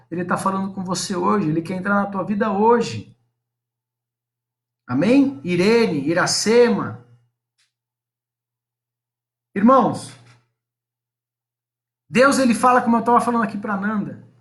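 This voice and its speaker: A man preaching a live-streamed sermon, speaking directly to his viewers and his congregation. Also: high-pitched. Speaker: pastor.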